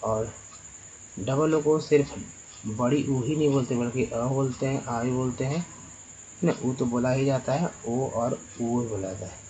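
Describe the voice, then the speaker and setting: A man teaching English pronunciation as a spoken lesson. He spells words letter by letter, slowly and with many repeats. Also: medium pitch, warm tone, slight background noise, poor audio.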